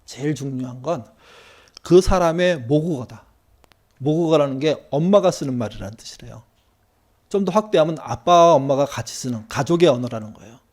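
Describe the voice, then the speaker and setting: A man's voice: on the high side, expressive, a little fast, darkish tone. A middle-aged male pastor giving a conversational sermon, acting out quoted lines from church members and his wife. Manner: conversational preaching with acted-out quotes.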